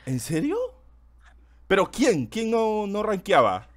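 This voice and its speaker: A man chatting loudly on a game stream, excitable and swearing often. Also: sits high, takes it slowly. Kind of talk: casual stream chat.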